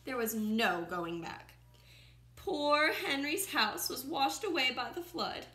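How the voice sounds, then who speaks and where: A woman in her twenties reads a picture book aloud like a teacher to young children, expressively, pausing to comment and ask questions. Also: sits high, animated, pushed and bright. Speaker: first-grade teacher reading aloud. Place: small room at home, indoors by a window. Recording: roomy, echoing home recording.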